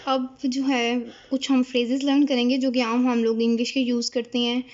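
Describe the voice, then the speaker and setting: A woman who speaks natively, teaching German vocabulary at a board, explaining slowly and repeating each word. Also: fairly high pitch, level tone, darkish tone, lo-fi sound. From Pakistan. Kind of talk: casual whiteboard lesson.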